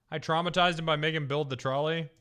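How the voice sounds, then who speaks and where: A man's voice: a little high, fairly bright tone, smooth. A man in his thirties, a streamer chatting casually and rambling through stories, swearing and laughing often. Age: 30s. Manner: profane, rambling storyteller who laughs often. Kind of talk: casual chat on a game stream.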